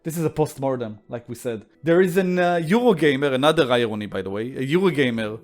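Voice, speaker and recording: A man's voice: mid-range voice, lively intonation, fast, faint music behind. A man co-hosting a casual podcast, ranting with exasperated, profane outbursts. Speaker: co-host.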